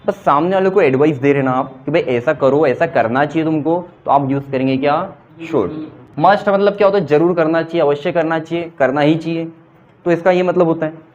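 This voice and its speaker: A man's voice: fairly high pitch, brisk, darkish tone, lo-fi sound. A man teaching an English grammar class, mixing Hindi explanations with English example sentences and quizzing his students as he goes.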